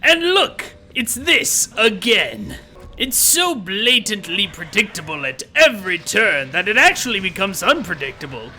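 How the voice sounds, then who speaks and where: A man's voice: sits high, very animated, measured pace, bright, forceful tone, faint music behind, heavily acted. A man hosting a game playthrough while putting on a pompous, gloating male villain who is a demon-pact scientist, talking theatrically and sarcastically and stretching out dramatic words. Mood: sardonic. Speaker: let's play host. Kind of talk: villain-persona game commentary.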